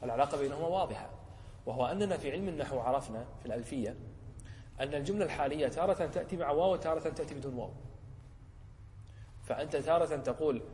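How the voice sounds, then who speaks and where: Fast-talking sheikh in a reverberant room. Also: male voice, a little high, darkish tone, a little hiss or hum. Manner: asks the class short checking questions; slows down to quote examples. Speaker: sheikh teaching Arabic rhetoric. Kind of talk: lecture explaining a teaching poem.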